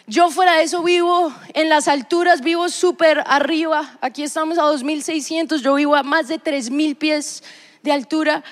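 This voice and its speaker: A woman in her thirties giving a personal testimony at church, telling it in a lively, expressive way and acting out what people said. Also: high voice. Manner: lively, expressive storytelling with acted-out quotes. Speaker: speaker at a church gathering.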